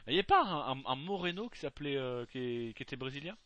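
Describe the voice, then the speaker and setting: A man's voice: mid-range voice, expressive, fast talker, a bit bright, no room sound, muffled recording. A man commenting casually on a film with a co-host, joking crudely and restarting his sentences often.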